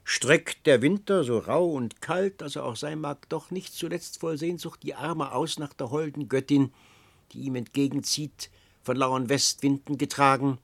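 A man reading aloud, voicing an old counselor who persuades with ornate, flattering speech, in a storybook reading. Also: medium pitch, a little slow, vocal fry, no room sound, pitched above the performer's own voice. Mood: urging.

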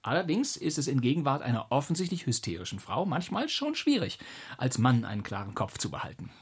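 A man's voice: medium pitch, sing-song, a little fast, breathy edge. A man playing a pedantic, smug, know-it-all father in a radio comedy sketch. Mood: lecturing. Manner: lecturing, smug, over-precise. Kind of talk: scripted radio comedy acting.

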